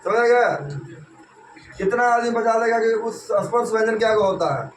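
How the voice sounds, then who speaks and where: A man's voice: high-pitched, moderate pace, far from the mic. A man teaching a classroom grammar lesson, quizzing the students with repeated questions. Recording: echoey classroom with noise.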